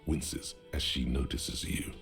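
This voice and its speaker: Brief: a wry game narrator, very deep, measured. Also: male voice, fairly even intonation, vocal fry, fairly bright tone, faint music behind, exaggerated voice.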